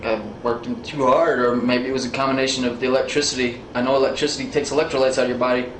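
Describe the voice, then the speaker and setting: An American man in his thirties, a suspect, answers police questions in an indoor interview room, talking informally, rambling and swearing at times. His voice is medium-pitched, level in tone, a bit bright, and racing in pace. The audio is noisy and the room echoes.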